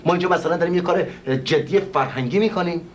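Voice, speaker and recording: A man's voice: high voice, muffled recording, slight background noise, lightly acted. An actor playing a flustered, overly polite male organizer in a stage comedy, talking formally and stammering as he tries to placate a visitor. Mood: placating.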